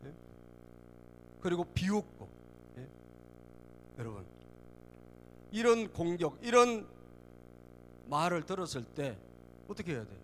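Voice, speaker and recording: Male pastor, fairly high voice, preaching and prodding the congregation, faint hum under it. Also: sing-song, takes it slowly, pauses often. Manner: asks the congregation "예?" again and again; acts out mocking enemy voices. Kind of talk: sermon. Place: church sanctuary.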